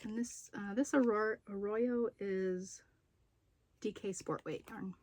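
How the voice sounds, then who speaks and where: A woman's voice: medium pitch, steady tone, takes it slowly, darkish tone, a little hiss or hum. A woman chatting casually in a home video as she shows off her craft projects. She rambles a little and stops to remember details. She sounds slightly out of breath after being ill. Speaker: crochet and knitting vlogger. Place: room at home with poor lighting.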